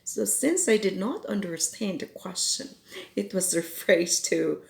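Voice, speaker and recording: Gravelly and animated, her mid-range voice walks listeners through English expressions one at a time. She is Filipino, a native Cebuano speaker from the Philippines, and she records this patient lesson, full of quoted sample phrases, at home in Ireland.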